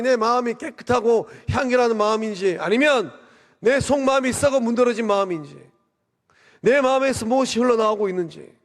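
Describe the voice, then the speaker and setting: A man delivers a sermon from the pulpit, his voice pitched high for a man. He presses his points with questions to the congregation and surges in force on key phrases. The church hall lets every phrase ring on after he stops. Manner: preaching with rhetorical questions and swelling emphasis. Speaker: pastor. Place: church sanctuary. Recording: long reverb of a church hall.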